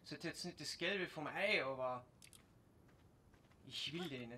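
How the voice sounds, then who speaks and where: A man from German-speaking Europe giving casual let's play commentary, muttering to himself and breaking into excited cursing. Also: fairly high pitch, unhurried, noisy background.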